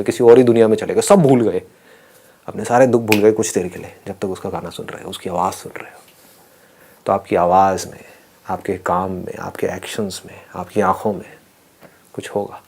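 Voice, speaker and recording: A man's voice: lowish voice, steady tone, normal speed, a little mellow. Playful man giving a motivational talk. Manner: playful, laughing, teasing the audience. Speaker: motivational speaker. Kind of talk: interactive motivational session with an audience. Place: hall with a live audience.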